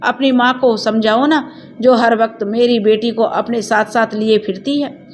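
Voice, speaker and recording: A woman's voice: a little high, steady tone, a little slow, a little hiss or hum, close to an everyday voice. A woman voicing a short-tempered young mother who scolds sharply in a storybook reading. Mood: angry.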